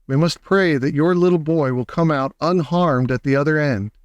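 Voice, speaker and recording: A man voicing an eccentric, excitable chocolate factory owner in a children's storybook, given to exclaiming. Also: a little high, normal speed, clean tone, dry recording, highs cut off, lightly acted. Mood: worried.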